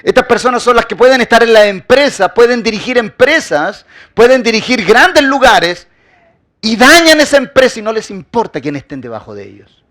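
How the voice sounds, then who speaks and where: A pastor with a very high voice preaches at a moderate pace, his pitch swinging widely. He leans on rhetorical questions and insistent repetition, frequently going soft as each phrase finishes.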